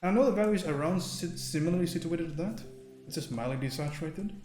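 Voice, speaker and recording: A man's voice: fairly high pitch, fast talker. Man teaching painting in a roomy sound. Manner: relaxed, thinking aloud, frequent "right?". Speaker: digital painting streamer. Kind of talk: live painting tutorial with chat. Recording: roomy sound with faint music.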